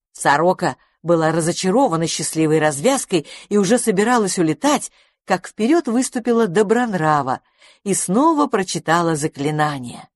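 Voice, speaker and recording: A woman narrating a children's audiobook in an expressive, measured way. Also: lowish voice, dry recording, studio quality. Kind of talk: audiobook storytelling.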